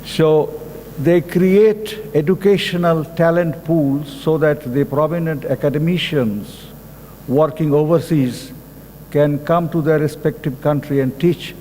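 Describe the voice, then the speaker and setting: Older Bangladeshi-accented male speaker, measured formal address, mellow tone, echoey hall. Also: fairly high pitch. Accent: Bangladeshi English. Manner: slow, deliberate, halting delivery with pauses. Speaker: conference speaker. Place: conference hall. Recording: echoey hall with faint background noise.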